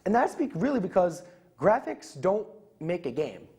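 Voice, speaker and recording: A man's voice: high-pitched, very animated, moderate pace, dark tone, breathy edge. A young man co-hosting a casual gaming talk show, rambling loosely with many fillers. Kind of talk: casual chat.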